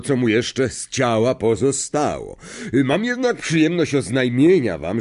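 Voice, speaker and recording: A man voicing an elderly, genial headmaster wizard who speaks in a measured, unhurried way. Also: mid-range voice, darkish tone, pitched above the performer's own voice.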